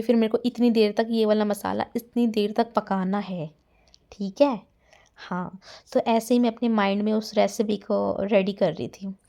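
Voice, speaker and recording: Young woman chatting over her home vlog, dark mellow voice, talks to viewers like friends, drops in english words. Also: mid-range voice. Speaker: vlogger.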